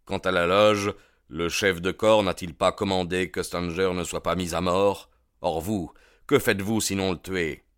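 A cool young male gang newcomer, as a male narrator voices him in an audiobook. His voice stays deep and firm, making level threats, in a dry, close recording. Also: unhurried, pushed and bright, no echo, heavily acted.

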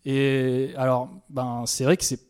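A man's voice: medium pitch, completely flat delivery, a little slow, a little mellow, clean tone. A man hosting a quiz in a casual interview, playful and chatty. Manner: playful, reads quiz lines. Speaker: quiz host.

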